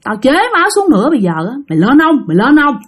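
Lady doing a pushy middle-aged guy yelling at a spirit, higher voice. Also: sing-song, very fast. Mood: demanding. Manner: demanding, shouting threats. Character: bold middle-aged man summoning a spirit.

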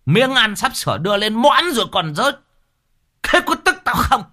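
A man's voice: very high-pitched, very animated, normal speed, bright, forceful tone, pitched above the performer's own voice, full character voice. A man voicing a greedy, cruel old village chief who screams abuse at his servants. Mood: ranting. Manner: screaming, abusive tirades.

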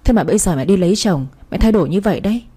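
A woman's voice: mid-range voice, lively intonation, very fast, dark tone, slightly rough. A woman voicing a fifteen-year-old girl who is protective of her little sister and stands up to her mother. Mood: earnest, pleading.

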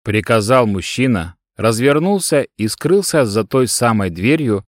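Brief: man narrating an audiobook, even delivery, dry studio sound. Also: medium pitch, measured pace, dry recording. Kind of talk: scripted narration.

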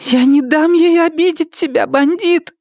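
A woman voicing a frightened, timid woman with a high, thin, squealing voice. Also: a little slow, a little mellow, no echo, studio quality. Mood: protective.

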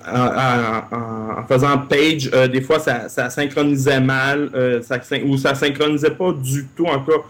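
A man's voice: mid-range voice, steady tone, measured pace, hardly any pauses, fairly bright tone. Casual Québécois man, mid-range voice. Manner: colloquial, repeats words as he goes. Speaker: podcast co-host. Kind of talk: casual tech chat.

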